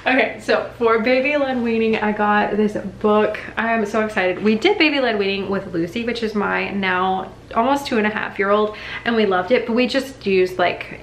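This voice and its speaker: A young woman vlogging as a mom, chatting enthusiastically about her haul, full of "like" and excitement. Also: on the high side. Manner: bubbly, enthusiastic, chatty with many likes. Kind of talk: casual haul chat to camera. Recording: echoey room with faint background hum.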